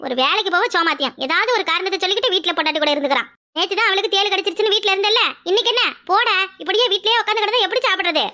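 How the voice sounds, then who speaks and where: A woman voicing a bossy, sharp-tongued village grandmother in a cartoon. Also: very high-pitched, expressive, rapid-fire, hardly any pauses, exaggerated voice. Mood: scolding. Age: older. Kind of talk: cartoon voice acting.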